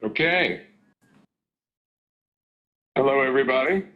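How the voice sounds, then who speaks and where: Man on a speakerphone, slow and low. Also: expressive. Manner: hesitant, many ums and restarts. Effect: heard over a speakerphone. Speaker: zoning hearing board chair. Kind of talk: explaining a decision at a public meeting. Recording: muffled speakerphone line in a council chamber.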